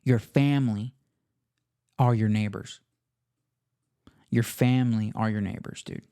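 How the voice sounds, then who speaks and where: A man's voice: fairly low pitch, fairly even intonation, measured pace, mellow. A young man with an American accent hosts his own podcast and talks straight to the listener. He tells family stories with open enthusiasm and tosses in "dude" every few lines. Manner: enthusiastic, says "dude" a lot. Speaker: podcast host. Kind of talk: casual storytelling monologue.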